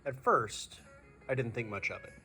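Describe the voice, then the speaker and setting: A male teacher reads a picture book to his students in a bright, mid-pitched voice at a moderate pace. His intonation is very animated and expressive, aimed straight at young listeners, with soft music playing faintly behind him.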